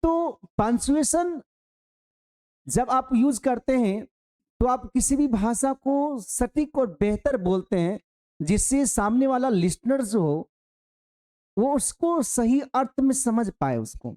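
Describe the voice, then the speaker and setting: A man teaching an online exam-prep grammar lesson. He speaks straight to his students, works slowly through an example and repeats key phrases for emphasis. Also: very high voice, expressive, warm tone.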